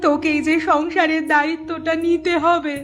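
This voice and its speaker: A woman's voice: extremely high pitch, level tone, moderate pace. A woman voicing a grieving, worried widowed village mother in a cartoon, speaking in a sorrowful, pleading way. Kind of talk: cartoon voice acting. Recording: cartoon soundtrack with loud music.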